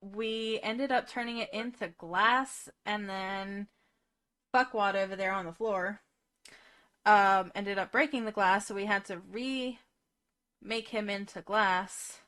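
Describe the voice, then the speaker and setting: A woman's voice: medium pitch, steady tone, slow pace, fairly bright tone. A woman playing a tabletop role-playing game on a live stream, recounting events casually with many ums. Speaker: player.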